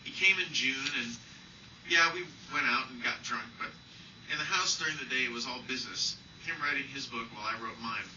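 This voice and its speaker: A male author with a mid-range voice reads a personal essay aloud live at a fairly quick clip, wry and self-deprecating. The mic sits far from him indoors, so the recording comes out distant, roomy, muffled, and noisy.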